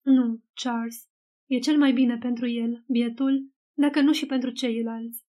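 A woman reading as a gruff older man. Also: fairly high pitch, steady tone, mellow, lightly acted.

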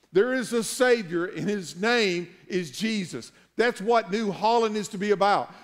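A middle-aged man preaching a sermon as pastor in a large church sanctuary, earnest and building to emphatic peaks. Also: high voice.

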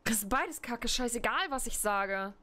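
Excitable woman streamer translating game dialogue. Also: a little high, moderate pace. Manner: excitable, blunt, swears casually. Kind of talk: live gameplay commentary, translating dialogue.

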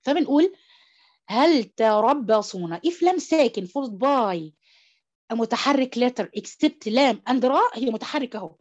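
A woman's voice: high voice, moderate pace. A woman with an Egyptian Arabic accent teaching a tajweed class online, moving between Arabic and English. She asks her students questions and leads them through examples. Her voice comes through dull, lo-fi call audio. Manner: animated, coaxing students with questions. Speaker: Quran recitation teacher. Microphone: computer mic on an online call.

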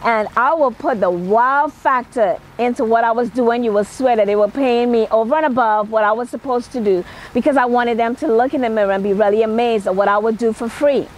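A middle-aged Trinidadian-accented woman, a celebrity hairstylist and makeup artist, gives an emphatic, motivational personal talk to camera on an outdoor patio at night, peppering it with "okay." Her voice is fairly high and fairly quick, with few pauses, and the recording is rough.

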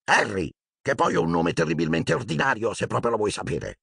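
A man voicing a prim, stiff middle-aged woman who answers in short, sharp retorts, in an audiobook reading. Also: medium pitch, very animated, fairly quick, gravelly, husky, dry recording, clean studio sound, heavily acted. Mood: curt.

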